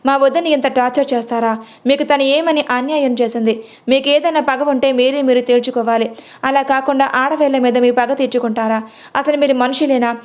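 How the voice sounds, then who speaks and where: A woman's voice: high-pitched, steady tone, fairly quick, lightly acted. A woman storyteller voicing a heartbroken young wife who accuses her husband through tears in a storybook. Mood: furious, tearful. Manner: crying and accusing.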